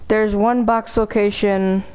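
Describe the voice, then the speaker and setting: A woman's voice: medium pitch, little pitch movement, slow, a little mellow, clear, resonant tone, rough recording. A woman in casual gaming chat with a slangy, hyped gamer bro way of talking. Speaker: gamer playing co-op.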